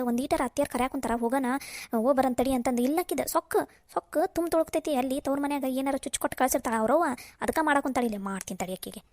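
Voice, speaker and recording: A woman's voice: high-pitched, lightly acted. A woman voicing a domineering village mother-in-law in a cartoon, scolding in a North Karnataka Kannada accent. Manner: scolding, sharp-tongued. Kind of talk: cartoon voice acting.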